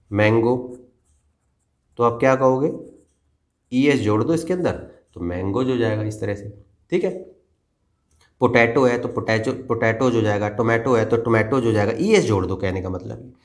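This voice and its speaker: Teaching youngsters simple grammar, a man speaks with a mid-range voice. He repeats himself patiently and keeps making sure the children follow.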